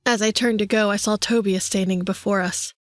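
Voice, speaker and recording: A woman reading a thriller audiobook in measured, deliberate narration. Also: medium pitch, fairly even intonation, dry recording, studio quality. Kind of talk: scripted narration.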